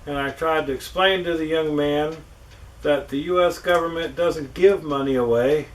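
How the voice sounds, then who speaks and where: A man's voice: a little high, normal speed. A man chatting casually to camera in his workshop, ranting in an exasperated way and swearing now and then. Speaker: woodworking channel host. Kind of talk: casual rambling chat to camera. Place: small workshop with wood burner, rain on roof. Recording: distant mic, faint background noise.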